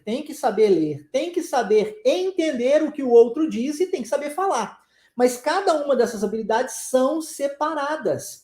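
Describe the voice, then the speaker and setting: Female teacher, mellow tone, casual and laughing, reads out viewer comments; roomy echo on the recording. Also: a little high. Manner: chatty, laughs often, checks in with "ok?" and "tá?". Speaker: English teacher. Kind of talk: live online language lesson.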